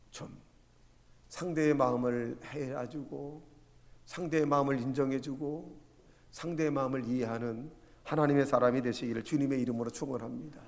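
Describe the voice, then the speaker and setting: A man with a mid-range, darkish voice delivers a sermon as pastor, weaving in stories and asking his congregation rhetorical questions. The recording carries the long reverb of a church sanctuary.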